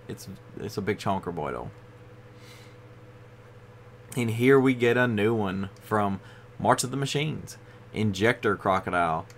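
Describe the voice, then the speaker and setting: A man's voice: fairly low pitch, a bit bright, a little hiss or hum. A man hosting a casual card review video, tired and yawning as he rambles along with frequent fillers. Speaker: card game video host.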